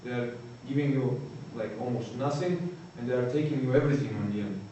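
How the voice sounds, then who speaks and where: In an echoey hall, a Croatian recovering addict shares his testimony haltingly, groping for words and often saying "you know." The muffled recording, from a distant mic with faint noise, carries his dark, medium-pitched voice.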